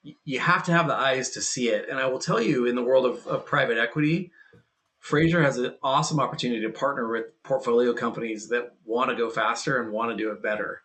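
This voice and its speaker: A man's voice: medium pitch, quick pace, fairly bright tone. A man as a podcast guest talking about healthcare technology, emphatic, repeating key phrases and acting out quoted dialogue. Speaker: guest, healthcare and private equity tech leader. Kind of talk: casual podcast conversation.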